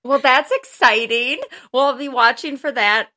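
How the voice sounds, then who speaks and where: A woman's voice: high-pitched, measured pace, sharp tone. A woman with a Wisconsin accent hosting a podcast, talking in an enthusiastic, gushing way. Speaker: podcast host. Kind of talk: casual interview chat.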